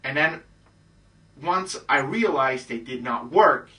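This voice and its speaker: A man, a dating coach, casually telling a story in a chatty way, full of fillers and lively re-enactments. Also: mid-range voice, slow, far from the mic, low-quality recording.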